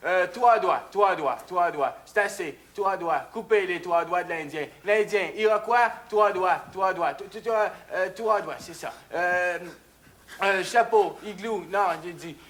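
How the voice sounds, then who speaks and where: A flustered Québécois contestant, played by a man blurts out guess after guess, stalling on hesitant fillers. His voice sits high and he speaks slowly. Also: a bit bright.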